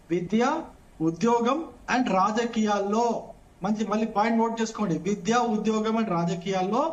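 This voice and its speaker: A man with a Telangana accent arguing in a heated TV news debate, combative and rapid-fire, hammering the same accusations again and again. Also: high-pitched, rough recording. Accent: Telangana Telugu. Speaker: debate panelist.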